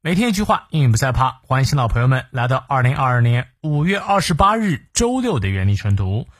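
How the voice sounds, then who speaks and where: A man's voice: mid-range voice, very animated, quick pace, no room sound, studio quality. A man with a Mandarin Chinese accent hosting a daily English lesson, explaining a sentence word by word and mixing English and Chinese. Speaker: English teacher, host.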